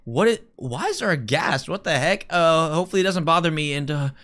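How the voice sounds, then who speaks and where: A man hosting a gameplay video, talking to himself as he plays and exclaiming loudly when startled. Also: a little high, lively intonation, a little fast. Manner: jumpy, exclaims loudly at scares; talks to himself while playing. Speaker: gaming video host. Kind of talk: casual gameplay commentary.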